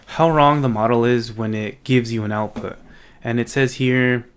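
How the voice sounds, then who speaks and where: A man's voice: medium pitch, normal speed, clear, resonant tone. A man hosting an informal coding video, thinking aloud and often checking in with the viewer as he explains. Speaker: host of a coding project video series. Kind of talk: casual unscripted tech walkthrough.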